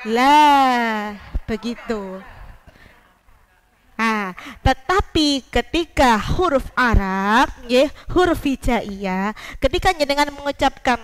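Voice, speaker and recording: A woman from Java, teaching Quranic letter pronunciation patiently and modeling each sound slowly. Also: fairly high pitch, animated, smooth, rough recording. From East Java, Indonesia. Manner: slow, patient, drawn-out modeling of sounds, Javanese-tinged Indonesian.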